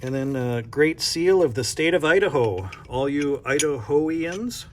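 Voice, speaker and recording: A man's voice: a little high, expressive, measured pace, slight background noise. A man from North Dakota who runs a coin shop, chatting casually and thinking aloud as he unboxes silver bars, with self-deprecating asides.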